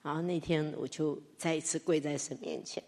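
A woman preaching a sermon, animated, moving from soft talk to loud, high outbursts. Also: a little fast. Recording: long reverb of a church hall.

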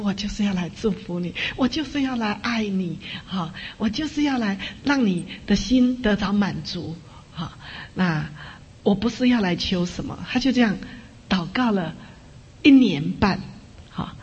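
A woman preaching a sermon, telling a story with fervor and often pausing on a short filler word between phrases. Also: mid-range voice, slightly rough. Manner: fervent, voice rising to loud impassioned cries when quoting prayers. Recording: muffled, with long hall reverb.

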